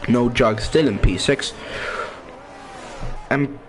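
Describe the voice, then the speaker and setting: A man's voice: medium pitch, moderate pace. Rambling man commentating a sim race. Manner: rambling, stumbles over words and names, self-mocking. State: voice cracking. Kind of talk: casual sim racing commentary.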